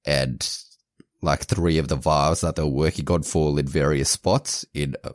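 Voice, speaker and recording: A podcast co-host with an extremely low, deep voice casually retells a movie plot, stumbling along with constant restarts and self-corrections. He's unhurried and fairly even in intonation, and the recording is dry and close with no room sound at all.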